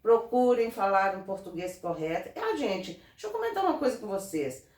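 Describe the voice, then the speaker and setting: A woman from Brazil, a guest in an interview, giving earnest, animated advice in casual talk. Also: medium pitch, fairly quick. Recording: roomy, from a distance off mic.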